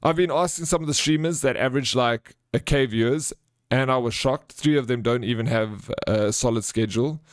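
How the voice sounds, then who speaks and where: In a mid-range voice and at a fairly quick pace, a man with a South African accent runs a livestream, answering viewers in a chummy, informal way. He calls them bro and friend as he chats casually. It's studio-quality audio with no room sound.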